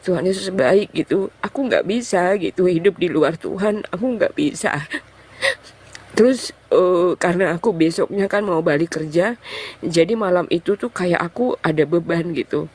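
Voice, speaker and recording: A young woman telling her conversion testimony in an interview, talking in a loose, halting way full of fillers. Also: on the low side, a little mellow, breathy edge. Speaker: guest sharing a conversion testimony.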